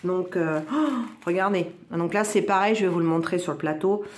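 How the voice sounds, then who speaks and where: A woman's voice: lowish voice, moderate pace. Enthusiastic northern French woman, roomy echo. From northern France. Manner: chatty and enthusiastic, full of little exclamations. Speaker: crafts vlogger. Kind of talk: casual product unboxing.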